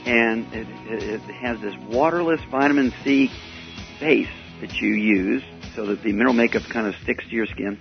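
A man hosting a call-in health advice radio show, talking in an unhurried way with many "uh" fillers, taped off the radio. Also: medium pitch, creaky. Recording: dull lo-fi radio tape with faint music.

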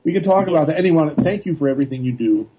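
Male radio host, American accent, fairly high bright voice, casual, halting delivery, slightly dull recording. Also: lively intonation, slight background noise. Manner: hesitant, halting, apologetic. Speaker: radio call-in show host. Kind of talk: casual live radio hosting.

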